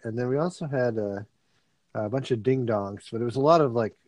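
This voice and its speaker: A man's voice: mid-range voice, a little fast, darkish tone, no room sound. A man co-hosting a casual comedy podcast, rambling and laughing often as he talks. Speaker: podcast co-host.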